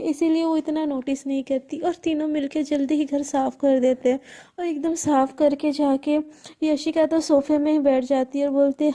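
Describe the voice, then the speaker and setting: A woman's voice: high voice, mellow. A woman narrating a story in a casual, chatty way, full of conversational asides.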